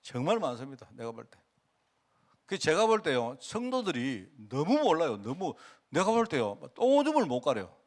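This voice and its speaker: At normal speed and a pitch on the high side, this Gyeongsang-accented pastor delivers an energetic, conversational sermon, reenacting his exchanges with the people in his stories.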